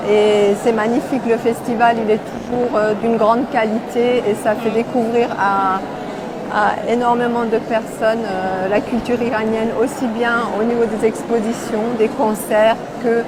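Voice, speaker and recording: A woman's voice: on the high side, little pitch movement, normal speed. A middle-aged woman from Iran, answering interview questions at a cultural festival with a hesitant manner and many fillers. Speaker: festival guest. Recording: loud background noise.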